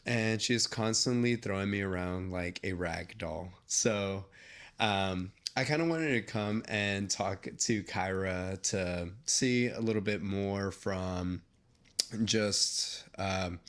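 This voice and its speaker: A man's voice: lowish voice, a bit bright. A young man, hosting a casual interview with lots of fillers and restarts. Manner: rambling, halting, lots of fillers. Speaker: podcast host.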